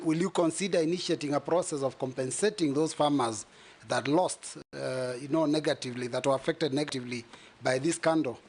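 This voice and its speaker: A Kenyan man on a parliamentary panel puts questions to a nominee, his voice sitting somewhat high for a man. He stumbles and restarts often, packing his turn with fillers. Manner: hesitant, many fillers and restarts. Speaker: member of parliament on a vetting panel. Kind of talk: formal questioning in a parliamentary hearing.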